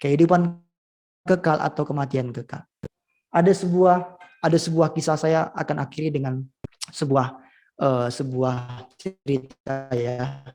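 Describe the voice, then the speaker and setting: A male pastor preaching a sermon at a school, telling stories with lively swings in pitch and volume. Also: measured pace, pauses often. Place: school event.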